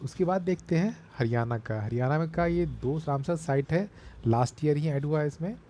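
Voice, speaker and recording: A man's voice: on the high side, moderate pace, mellow, slight background noise. A man with a Bihari Hindi accent, teaching exam memory tricks and repeating key words as he explains. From Bihar, India.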